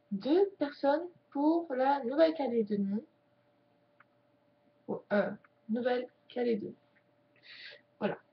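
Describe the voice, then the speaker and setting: A woman with a fairly high voice chats casually to her viewers, joking as she goes. She slows her words at times while she signs. The recording sounds dull and lo-fi. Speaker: YouTuber teaching sign language. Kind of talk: casual chat to camera.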